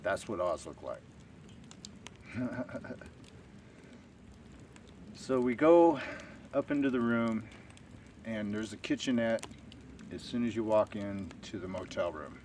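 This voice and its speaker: A man telling a long story to camera in a rambling, unhurried way, full of fillers. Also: on the low side, expressive, darkish tone. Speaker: stealth camping vlogger. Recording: distant outdoor camera audio with faint ambient noise.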